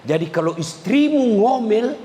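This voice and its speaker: Animated preacher. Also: male voice, measured pace. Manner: lively, jokes with the crowd, acts out quoted voices in high pitch. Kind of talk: humorous sermon. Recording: long hall reverb, faint ambience.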